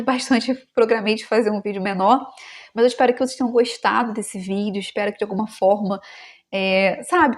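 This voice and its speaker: A woman with a Brazilian Portuguese accent, a mother talking casually and heartfelt to the camera in a family vlog. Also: medium pitch. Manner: chatty and heartfelt, many "né" and "sabe" tags; slows to a gentle devotional tone. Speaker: mother and vlogger.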